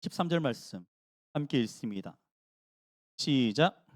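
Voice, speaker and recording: A man's voice: mid-range voice, unhurried, no echo, clean studio sound. A man preaching a sermon as pastor, asking the congregation questions and acting out the voices of biblical figures. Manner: animated preacher acting out voices of Gideon and God. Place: church sanctuary.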